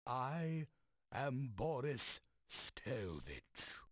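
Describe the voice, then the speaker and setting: Slow, formal castle gatekeeper. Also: male voice, medium pitch, very animated. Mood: formal welcome. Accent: British. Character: stiff male castle gatekeeper, formal and grave. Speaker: game character.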